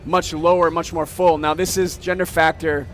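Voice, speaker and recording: A man with a slightly high voice walks through a software demo in a loose, casual way. He explains each step and keeps asking "okay?". Faint music plays in the background. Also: level tone, normal speed. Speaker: software demonstrator. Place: trade show floor.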